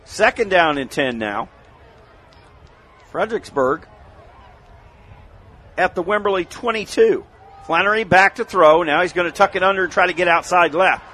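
An American man giving live play-by-play commentary on a high school football game. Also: expressive, moderate pace, long pauses, bright, forceful tone. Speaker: play-by-play sports announcer.

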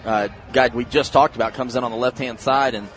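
A man's voice: medium pitch, fairly even intonation, a little fast, soft background music. An American man giving conversational color commentary and analysis during a live football broadcast.

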